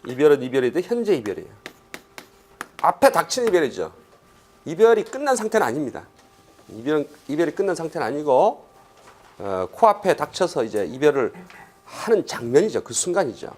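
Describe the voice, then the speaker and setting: A middle-aged Korean man giving a classroom lecture for exam students, asking quick rhetorical questions and acting out quoted lines. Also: fairly high pitch, big pitch swings, darkish tone.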